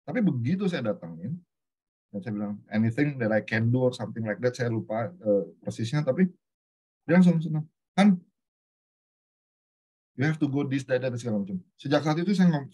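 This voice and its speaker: Husky middle-aged man, relaxed webinar speaker who acts out stories and mixes in English. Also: mid-range voice. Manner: lively storyteller, acts out dialogues, mixes in English words. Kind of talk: casual webinar talk.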